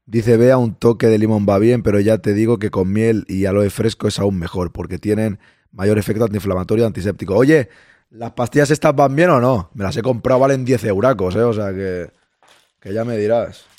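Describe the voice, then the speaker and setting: A man, hoarse and losing his voice, hosting a live-stream podcast and chatting casually, greeting listeners and reading their messages aloud. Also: fairly low pitch, a little fast, warm tone, no room sound, studio quality.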